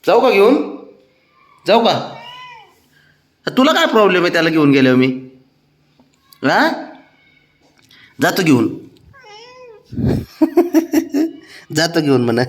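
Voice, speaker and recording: A man talks to his pets at home, teasing and coaxing them in sing-song baby talk. His voice sits a little high and swings widely up and down as he plays along. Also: huge pitch swings, slow, long pauses. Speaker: pet owner talking to his cats.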